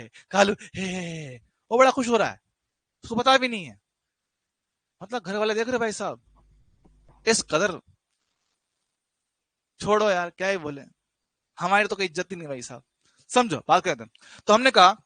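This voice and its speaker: Joking physics teacher guy, bright sharp voice, dry close sound, keeps repeating stuff. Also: high-pitched, no echo. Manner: jokey, teasing asides to students; repeats key phrases for emphasis. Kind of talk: classroom physics lecture.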